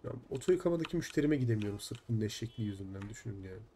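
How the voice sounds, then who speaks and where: A man's voice: fairly low pitch, lively intonation, racing, warm tone, a little hiss or hum. A young man live-streaming a simulator game, chatting with viewers and swearing in frustration at its bugs. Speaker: gaming streamer.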